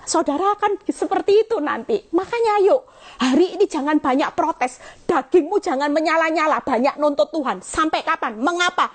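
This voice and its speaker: A woman's voice: high voice, animated, moderate pace. Middle-aged woman evangelist, preaching emphatically into a phone. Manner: emphatic, addresses listeners directly. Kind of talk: sermon on a live stream.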